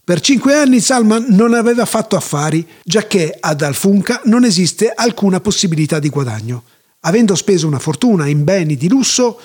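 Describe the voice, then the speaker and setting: Man, high voice, husky, measured folk-tale narration. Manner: measured, even storytelling. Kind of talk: scripted storytelling narration.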